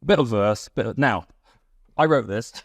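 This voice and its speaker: A man explaining a mentalism card routine in a relaxed, wry way, with asides. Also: medium pitch, normal speed, gravelly, no echo. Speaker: magic instructor. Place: London studio.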